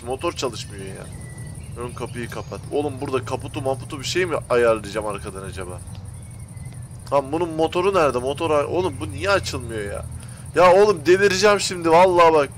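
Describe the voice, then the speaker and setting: A man's voice: mid-range voice, slight background noise. A young man commentating on a game he is playing, talking to viewers in a slangy, exasperated way. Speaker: gaming YouTuber. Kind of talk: gameplay commentary.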